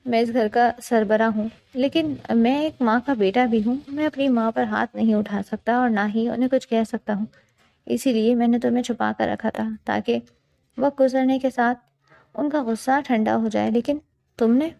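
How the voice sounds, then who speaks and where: A woman's voice: on the high side, fairly even intonation, vocal fry, warm tone. A woman voicing a stern, protective young husband who speaks in a firm, commanding way in a storybook reading. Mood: angry.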